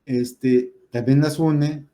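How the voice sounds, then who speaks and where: A man's voice: medium pitch, fairly even intonation, drawn-out words, warm tone. A man teaching a grammar lesson, explaining patiently and often checking in with "¿verdad?". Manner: patient, explanatory, many "este" fillers and rhetorical "¿verdad?".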